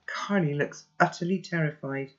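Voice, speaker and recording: A reader narrating a children's novel aloud in steady first-person storytelling. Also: medium pitch, normal speed, lo-fi sound.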